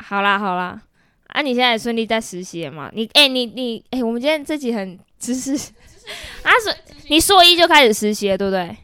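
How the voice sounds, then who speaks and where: Bright, animated young Taiwanese-accented woman. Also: on the high side, fairly quick, clear, resonant tone. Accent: Taiwanese Mandarin. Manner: teasing, playful. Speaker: podcast host. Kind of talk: casual chat.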